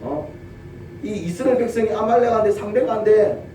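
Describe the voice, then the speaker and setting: A male pastor with a Gyeongsang accent preaching a sermon, telling the story lively and asking his congregation questions. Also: sits high, a little fast. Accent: Gyeongsang Korean. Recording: roomy church audio from a distance, faint noise.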